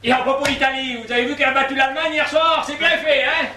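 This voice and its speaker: A man's voice: very high-pitched, level tone, fast, pushed and bright, full character voice. A man playing a rambling, half-deaf old husband who mishears everything, in an amateur stage comedy. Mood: gleeful. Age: older. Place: theatre stage. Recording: echoey stage from far off, noisy.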